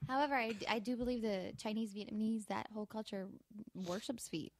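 A woman's voice: mid-range voice, animated, moderate pace. A woman co-hosting a comedy podcast, blunt and profane in her talk. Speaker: podcast co-host. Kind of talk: casual comedy podcast chat. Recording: noisy podcast recording.

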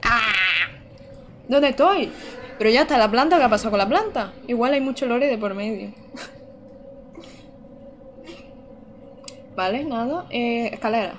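A woman's voice: fairly high pitch, expressive, slow, pauses often, a little hiss or hum. A woman, streaming a video game live, chatting casually, laughing often and reading chat aloud.

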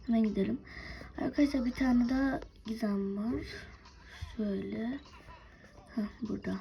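A woman's voice: on the high side, moderate pace, vocal fry, warm tone, poor audio. A young woman hosting a game video, giving casual play-by-play commentary, chatting to her viewers with forgetful asides. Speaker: gaming video host.

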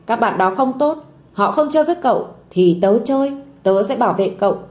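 A woman's voice: fairly high pitch, expressive, a little fast, a little mellow, close to an everyday voice. A woman voicing a brave little schoolboy who acts grown-up and protective, in a storybook audio drama. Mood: earnest. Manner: earnest, grown-up bravado.

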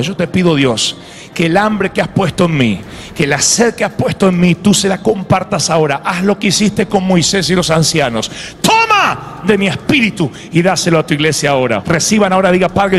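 A man pastor preaching a fervent sermon in a church, praying aloud, swinging from shouts to hushed pleas. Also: high-pitched.

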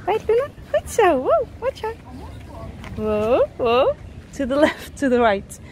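A young Dutch-speaking woman from the Netherlands chats enthusiastically as she walks through parks and streets, narrating a casual travel vlog on a handheld camera. Her voice sits high with wildly swooping pitch, a slow pace and darkish tone, with a little hiss or hum on the audio.

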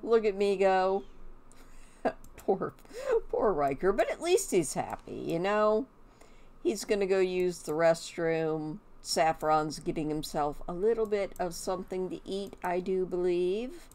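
A woman's voice: fairly low pitch, a little mellow. A woman giving casual, chatty game commentary, talking to her characters, with a slight whistle on her s sounds. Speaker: gameplay host.

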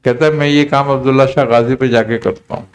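A man, a spiritual teacher, telling a story in a relaxed conversational talk and acting out the quoted dialogue. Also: mid-range voice, slight background noise. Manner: unhurried, recounting with quoted dialogue.

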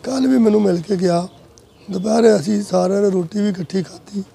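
A man in his sixties with a Punjabi accent, giving solemn condolences in halting, short phrases. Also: sits high, gravelly, mellow, husky. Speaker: interviewee offering condolences. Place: outdoors among a group of people.

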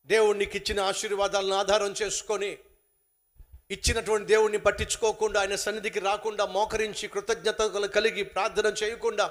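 High-voiced pastor with dramatic loud swings. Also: male voice, little pitch movement, brisk. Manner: dramatic, swings from soft to loud emphatic bursts. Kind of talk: sermon with acted-out story.

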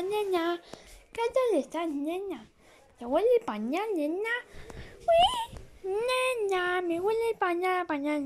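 A woman from Spain with a Spain Spanish accent, streaming a horror game live and giving jittery, jumpy commentary that hangs a pet word on almost every phrase. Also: high voice.

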